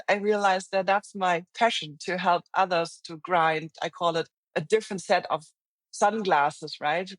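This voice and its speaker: Appearing as a guest in an interview, a German-accented finance executive in middle age reflects earnestly on her answers, often restarting her sentences. She has a fairly low voice, captured in a dry recording.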